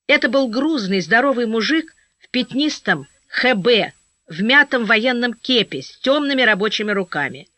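Bright-voiced woman audiobook narrator. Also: on the high side, normal speed, dry recording. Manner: steady storytelling with voiced dialogue. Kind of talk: first-person audiobook narration. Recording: dry, slightly dull audio.

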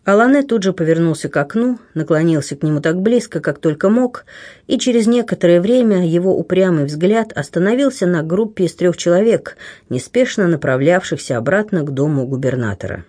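A man narrating an adventure novel in a measured, expressive storytelling manner. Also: high voice. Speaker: audiobook narrator. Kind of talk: scripted narration.

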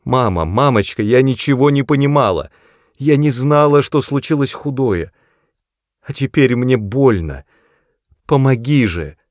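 A man's voice: moderate pace, few pauses, darkish tone, no echo, studio quality, lightly acted. A man voicing a desperate teenage girl who begs her mother, in a raised, tearful voice. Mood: pleading. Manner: high tearful begging voice.

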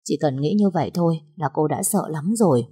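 Low, mellow woman narrating a story. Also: slightly rough. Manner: calm, measured reading.

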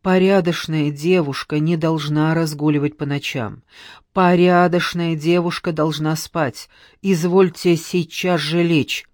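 A narrator voicing a prim, stern governess who admonishes slowly and formally. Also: medium pitch, fairly even intonation, no echo, clean studio sound, lightly acted.

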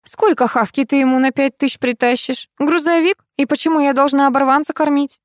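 Lady reading as a shrill nagging mom who runs a shop, high and sharp, dry close sound. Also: brisk, no room sound, natural voice. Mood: indignant. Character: loud scolding middle-aged mother, shop owner.

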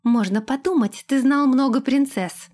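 A woman's voice: fairly high pitch, normal speed, lightly acted. A woman voicing a spoiled, imperious young princess who snaps and gives orders in an audiobook. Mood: furious. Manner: haughty, sharp-tongued, commanding. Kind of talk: audiobook character voice.

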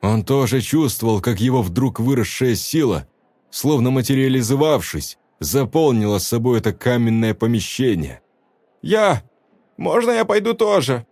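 A man narrating an audiobook with expressive storytelling. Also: lowish voice, no echo.

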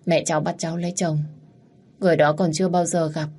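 A woman's voice: low voice, level tone, fast, a little mellow, breathy edge. A woman voicing a stubborn, sulky seventeen-year-old girl in an audio story. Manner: pleading, sulky.

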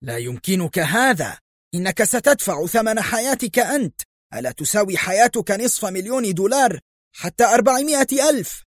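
A man voicing a greedy, nervous male prison boss who wheedles and turns shrill when angered, in a storybook reading. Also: very animated, normal speed, no echo, studio quality.

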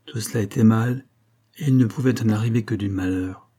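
A man's voice: on the low side, brisk, mellow, natural voice. A man reading an audiobook voices a dying old female servant who solemnly reproaches the young woman she raised. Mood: stern.

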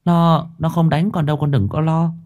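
A man voicing a kind old neighbor woman in a told ghost story, soft and pleading. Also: fairly high pitch, wildly swooping pitch, unhurried, voice pushed up, exaggerated voice. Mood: tender. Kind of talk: storytelling with character voices.

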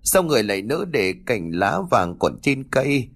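A man's voice: medium pitch, very animated, normal speed. A man voicing a grieving middle-aged mother who wails and laments over her son's coffin in a ghost story. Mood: wailing grief. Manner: keening, lamenting.

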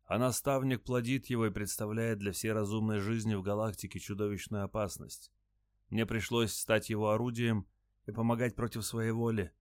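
A man voicing a timid robed alien creature who talks in a soft rustling whisper. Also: fairly low pitch, flat delivery, moderate pace, dry recording, clean studio sound, close to an everyday voice. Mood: fearful, hushed.

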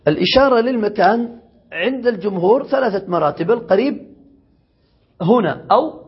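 High, husky male grammar teacher. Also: animated, lo-fi sound. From Yemen. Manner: questions the students, drawn-out words. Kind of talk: classroom grammar lesson.

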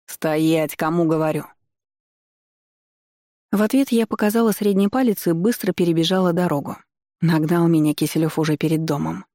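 A woman narrating a first-person story in a lively, emotional way, recorded close. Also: lowish voice, fast talker, no echo. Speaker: audiobook narrator.

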